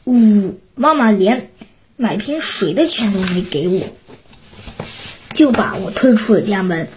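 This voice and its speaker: A woman's voice: medium pitch, measured pace, slight background noise. Woman animatedly reading a children's story. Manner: animated, with frequent stumbles and restarts.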